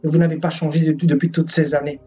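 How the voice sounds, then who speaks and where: A man's voice: on the high side, level tone, fast talker, dark tone. A man preaching a sermon in a fervent, scolding way, repeating his phrases for emphasis. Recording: distant dull sound with music.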